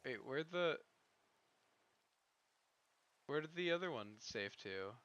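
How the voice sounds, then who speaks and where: A man live-streaming a game, talking to his chat in a rambling, profane, excitable way. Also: a little high, slow, smooth, no echo, dull audio.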